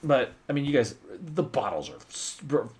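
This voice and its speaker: A man hosting a casual whiskey livestream, animated and swearing freely as he tells stories. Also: mid-range voice, normal speed.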